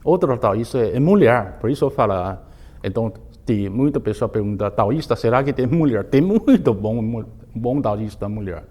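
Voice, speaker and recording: Man teaching a course, broken simple grammar, restarts words, pitch jumps up in stories. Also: lively intonation, moderate pace, darkish tone. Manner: simplified non-native grammar with frequent restarts; storytelling with bursts of raised pitch. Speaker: Taoist master teaching a course. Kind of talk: informal spoken lesson.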